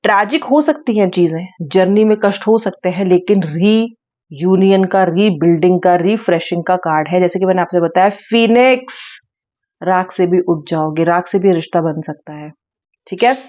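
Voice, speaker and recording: A woman's voice: on the low side, normal speed, darkish tone. Earnest woman tarot reader, dull lo-fi sound. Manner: earnest, repeats key words, mixes Hindi and English. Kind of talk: tarot reading monologue.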